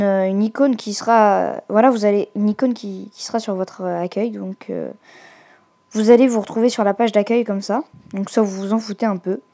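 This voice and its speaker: A woman hosting her own tech channel, talking through a casual screen-recorded tutorial in a hesitant way, often pausing and correcting herself. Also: mid-range voice, dark tone. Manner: hesitant, filler-heavy, self-correcting. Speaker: YouTube tech channel host.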